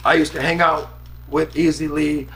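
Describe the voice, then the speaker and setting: A middle-aged radio DJ from Harlem, New York City, tells rambling stories as a guest in a casual interview, full of ums and restarts. His voice is slightly high, level, a bit bright, at moderate pace, with a little hiss or hum on the recording.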